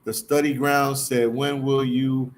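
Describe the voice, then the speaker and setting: Hosting a casual livestream, a man reads comments aloud and talks with viewers, slangy and repetitive, often addressing them as "man." His medium pitch barely moves and he speaks a little slowly, with clear ambient noise behind him.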